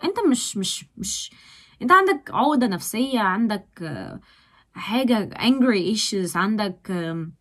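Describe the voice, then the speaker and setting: A young woman with an Egyptian Arabic accent, giving an emphatic motivational talk to her viewers, with sudden loud stresses. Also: mid-range voice, sing-song, unhurried. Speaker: vlogger.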